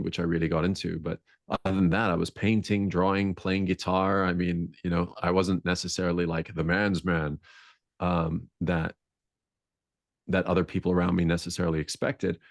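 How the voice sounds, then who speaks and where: Deep-voiced and touched with vocal fry, this man is a podcast guest in a reflective conversation who searches for words and builds intensity on key points. The recording is studio quality with no room sound.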